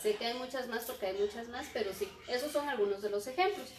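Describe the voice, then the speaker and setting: A woman teacher giving a lesson, speaking slowly and checking in with rhetorical questions. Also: fairly high pitch. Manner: slow, repeats examples and asks rhetorical checks. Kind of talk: recorded classroom lesson. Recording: echoey room.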